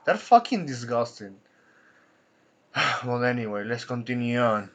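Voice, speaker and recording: A man hosting an angry commentary rant, indignant and swearing, with frequent halting restarts. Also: medium pitch, animated. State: coughing from anger at times. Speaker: commentary channel host.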